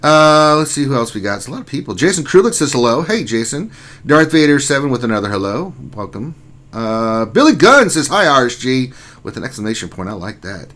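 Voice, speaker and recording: Man, stream host, bright forward voice, casual jokey chat reading. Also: medium pitch, sing-song, brisk. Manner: reads chat names aloud, joking and teasing. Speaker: livestream host.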